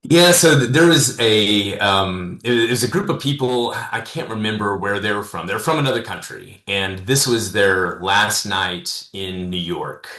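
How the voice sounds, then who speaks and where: A man's voice: lowish voice, unhurried, hardly any pauses, fairly bright tone, echoey room. A man, a consultant and speaker, telling stories in a casual interview, rambling with many fillers and restarts.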